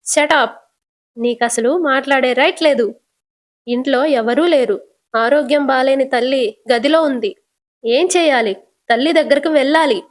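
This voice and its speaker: A woman voicing an angry middle-aged father who shouts and lectures his daughter. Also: high voice.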